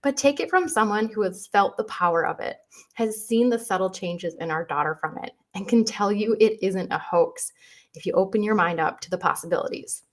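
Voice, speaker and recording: A woman's voice: mid-range voice, normal speed. An earnest woman in her thirties tells a heartfelt personal story on her podcast. Her voice sits in an ordinary middle register, and she speaks openly and emotionally, sometimes on the edge of tears. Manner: earnest, emotional, tearful at times. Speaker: podcast host.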